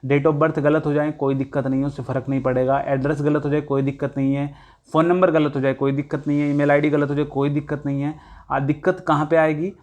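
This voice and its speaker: A man's voice: a little high, little pitch movement, fast talker, a little mellow, dull audio. A man giving a casual walkthrough of an online form, talking straight to students with small hesitations. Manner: plain explanatory talk with hesitations, addresses students directly. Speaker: tutorial presenter. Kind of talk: casual screen-recorded walkthrough.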